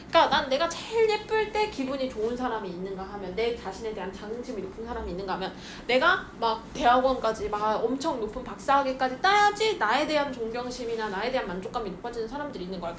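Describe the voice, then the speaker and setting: A young woman teaches a chatty, lively lesson, slipping into quick acted-out scenes as she explains. Her voice sits a little high. The recording carries clear background noise. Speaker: Korean literature teacher. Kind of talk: classroom lecture. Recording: noisy room recording.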